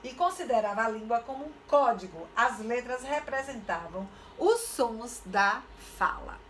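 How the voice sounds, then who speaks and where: Bright-voiced woman teaching literacy. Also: on the high side, expressive, a little hiss or hum. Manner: didactic, asks rhetorical questions, stretches syllables slowly. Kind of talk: online lecture for teachers.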